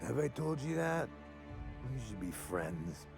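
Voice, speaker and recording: A man's voice: mid-range voice, sing-song, unhurried, creaky, music in the background, exaggerated voice. An actor playing a drunk, boastful young male bodyguard who slurs, giggles and rambles. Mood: tipsy rambling. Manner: slurring, giddy, rambling.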